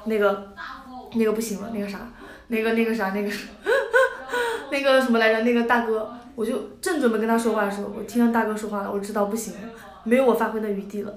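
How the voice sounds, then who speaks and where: Giggly young woman with a bright, high voice. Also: fast talker, echoey room. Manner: animated and giggly, with playful voices for the people she quotes. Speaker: idol group member. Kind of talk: casual storytelling to a livestream audience.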